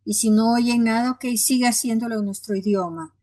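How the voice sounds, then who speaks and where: A woman's voice: a little high, fairly even intonation, a little fast, mellow, dry recording, clean studio sound. A woman pastor teaching a Bible class in an earnest, encouraging way, acting out how she coaches people in prayer.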